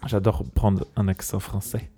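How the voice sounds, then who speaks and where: Podcast co-host, male, low dark voice, rambling and amused. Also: level tone, measured pace, soft background music. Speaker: podcast co-host presenting tracks. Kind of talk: casual music chat.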